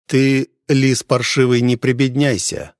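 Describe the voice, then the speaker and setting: A man's voice: little pitch movement, a little slow, no echo, studio quality, lightly acted. A man voicing a stern, grim hunter who speaks coldly and with control. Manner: cold, low and controlled. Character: stern grim male hunter, calm and menacing.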